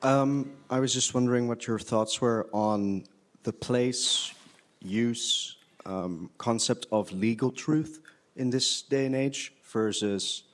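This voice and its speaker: A man poses a winding, philosophical question from the lecture audience, his pitch sitting at an average level. He stumbles over repeated words and circles back on himself as he talks. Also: slow pace. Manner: rambling, philosophical, stammering restarts. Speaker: audience member asking a question.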